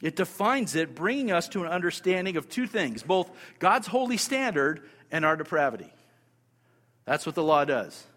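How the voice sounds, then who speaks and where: A man's voice: a little high, big pitch swings, moderate pace, a bit bright, big-room sound. A man preaching a sermon, emphatic, repeating key phrases and asking his listeners rhetorical questions. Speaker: pastor.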